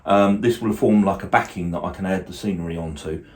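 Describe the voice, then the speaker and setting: Low-voiced man rambling through a hobby vlog. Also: fairly quick. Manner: relaxed, rambling, lots of fillers. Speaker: model railway hobbyist host. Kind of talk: casual workshop vlog. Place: indoors at a dining room table layout.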